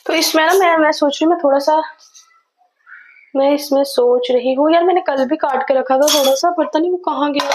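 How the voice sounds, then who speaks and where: A woman vlogger chatting to camera while cooking in her home kitchen, talking slowly and softly and mixing English words into her talk. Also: high-pitched, poor audio. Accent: Jammu. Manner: chatty, devotional asides, mixes English words into Hindi; tries to speak slowly and softly.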